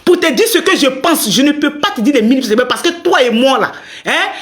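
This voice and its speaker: Angry high-voiced woman ranting on a live stream. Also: lively intonation, brisk. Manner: angry, talking straight to viewers and a rival. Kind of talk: heated live-stream rant.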